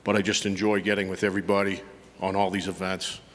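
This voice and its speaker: A veteran introducing himself briefly and plainly to a group. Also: male voice, sits low, flat delivery, fast talker. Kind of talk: spoken self-introduction. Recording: long reverb in a large room.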